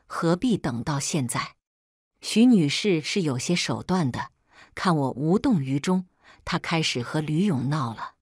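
A woman telling a first-person story as scripted narration, reading in a steady, measured way. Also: low voice, no room sound, studio quality.

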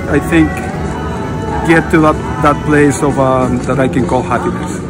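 A middle-aged man answering a street interview reflectively, searching slowly for his words. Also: medium pitch, steady tone. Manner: thoughtful, hesitant, searching for words. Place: outdoors at a street corner. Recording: loud music and crowd on street.

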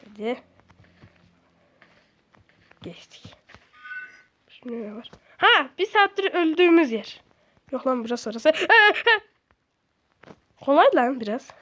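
A young woman with a high-pitched voice talks through a video game in casual commentary. She gets excitable, swears at the game and shrieks when things go wrong. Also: takes it slowly, long pauses. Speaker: gaming streamer.

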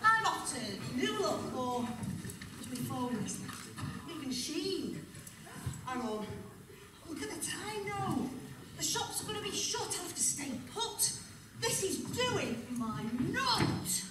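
A woman's voice: extremely high pitch, very animated, slow, heavily acted. A British woman playing a stroppy, whiny teenage princess in an amateur stage pantomime. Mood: sulky. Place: theatre stage, far camera. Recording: distant, very echoey, noisy stage recording.

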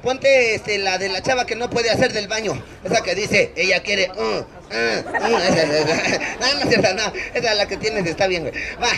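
A Mexican street comedian in a city plaza, his voice sitting very high for a man. He roasts the people around him with crude, slangy banter. A loud crowd fills the open air behind him. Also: fairly quick, hardly any pauses. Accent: Mexican Spanish. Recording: loud crowd noise outdoors. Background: large crowd laughing.

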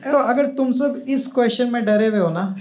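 With an extremely high-pitched voice at a moderate pace, a young comedian works a club crowd, talking to them and poking fun. Audience laughter and crowd noise fill the roomy live sound, captured through a handheld mic on a stand.

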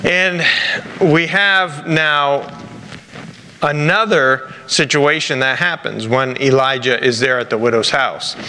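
Male pastor, Rhode Island accent, preaching with halting deliberate phrasing, bright forceful tone, slightly high voice, in an echoey church. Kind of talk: sermon with scripture reading. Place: large church sanctuary, at a pulpit. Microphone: lapel mic. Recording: echoey church hall with background noise.

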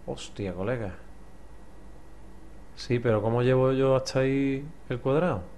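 A young man from Spain with a Spanish accent, playing a puzzle game and thinking out loud. His voice sits at an ordinary middle pitch, and he mutters, curses freely and snaps into loud frustrated shouts. A faint hiss of noise sits under the recording. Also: measured pace. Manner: swears a lot, mutters to himself, bursts into frustrated yells. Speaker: gameplay commentator. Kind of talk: let's play commentary.

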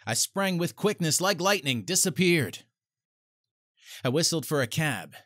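A man's voice: on the high side, lively intonation, fairly bright tone, no echo. A man in his thirties or forties giving a hammy, theatrical dramatic reading, recorded close on a studio microphone in a small home studio. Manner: theatrical, with big swings and drawn-out phrases. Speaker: voice-over performer. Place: small home studio with foam-treated walls.

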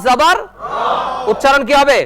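A male Quran teacher leading a televised lesson, spelling out Arabic syllables and chanting them slowly for students to repeat. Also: very high-pitched, shouting, over a noisy crowd, very noisy. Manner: slow drawn-out chanting of syllables, brisk instructions in between.

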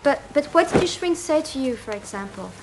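A woman's voice: sits high, expressive, fairly quick, noisy background. An actress playing a curious woman who eagerly echoes the other's words and keeps asking questions. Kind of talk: film dialogue.

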